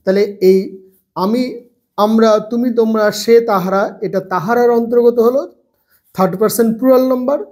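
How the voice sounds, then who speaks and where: A man teaching English grammar to children, slowly repeating phrases and spelling words out letter by letter. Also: very high voice, fairly even intonation, a little mellow. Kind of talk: bilingual grammar lesson.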